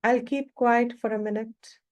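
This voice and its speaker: A woman with a fairly high voice leads a meditation at a very slow pace. Her instructions come calmly and unhurriedly in short phrases, separated by long pauses.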